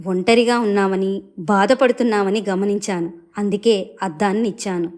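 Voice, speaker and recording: A woman's voice: medium pitch, fairly even intonation, normal speed, a little mellow, close to an everyday voice. Woman voicing a stern pig-like beast. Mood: gentle. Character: gruff male pig-like beast, possessive yet kind.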